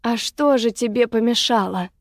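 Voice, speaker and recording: A woman's voice: on the high side, normal speed, dry recording, studio quality, close to an everyday voice. Woman voicing a furious, bitter young woman. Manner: sharp, bitter, accusing. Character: woman furious and shaking, confronting her rival.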